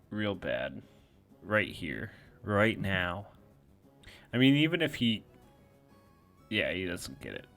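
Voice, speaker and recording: A man's voice: on the low side, fairly bright tone. A man giving casual, self-deprecating play-by-play commentary on a competitive game, thinking aloud as he goes.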